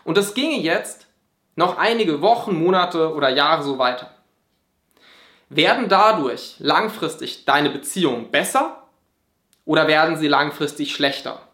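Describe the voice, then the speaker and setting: A man's voice: fairly high pitch, animated, unhurried, pushed and bright, roomy sound. A man speaking as an anger management coach, talking earnestly and directly to the listener and asking rhetorical questions.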